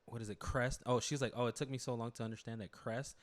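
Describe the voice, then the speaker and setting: Speaking quickly in a steady, medium-pitched voice, this young adult from the United States co-hosts a casual podcast chat. He keeps it loose, tossing in jokes, swear words and plenty of fillers.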